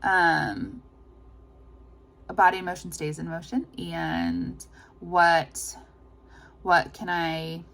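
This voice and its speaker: Woman, casual vlog chat, gravelly vocal fry, lowish pitch, informal, rambling. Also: very animated, slow, pauses often, a bit bright. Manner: informal, rambling, thinking aloud. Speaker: running vlogger.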